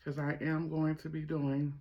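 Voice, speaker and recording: A man hosting a mukbang, talking casually to viewers with his mouth sometimes full, gossipy and emphatic, pausing and repeating phrases. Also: fairly high pitch, completely flat delivery, dull audio. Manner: talks while eating, mouth sometimes full. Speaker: mukbang host. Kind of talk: casual chatty commentary to viewers while eating.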